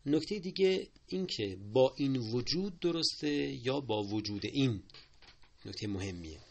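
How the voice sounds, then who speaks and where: A man with a gravelly, creaky voice teaches correct usage in a steady, explanatory way. He repeats key points and keeps asking his listeners to pay close attention. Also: mid-range voice. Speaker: Persian language teacher. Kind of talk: spoken lesson on correct usage.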